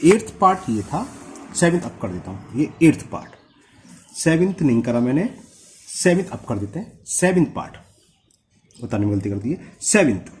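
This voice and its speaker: A young man teaching a whiteboard maths lesson step by step. He keeps asking the viewer quick questions and slows right down to read out formulas. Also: mid-range voice, sing-song, darkish tone, a little hiss or hum.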